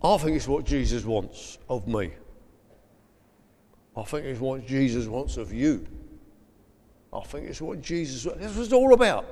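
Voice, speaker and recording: A man's voice: medium pitch, sing-song, a little slow, pauses often, dark tone. A man with a South East London accent preaching a chatty, emphatic sermon and often repeating his phrases. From England. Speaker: pastor. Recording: long reverb of a hall.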